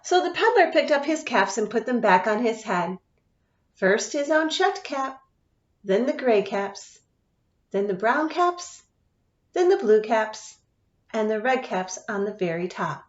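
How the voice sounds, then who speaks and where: A woman teacher reads a storybook to children in a high, slow, expressive voice and pauses to ask them questions. The sound is dull and lo-fi. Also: roomy sound. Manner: expressive, asks listeners questions. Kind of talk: reading a picture book aloud to children.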